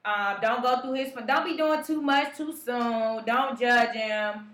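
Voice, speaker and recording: A woman's voice: a little high, takes it slowly, fairly bright tone, echoey room. A woman co-hosting a casual live-stream talk show, blunt and slangy, reading out viewer comments. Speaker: co-host.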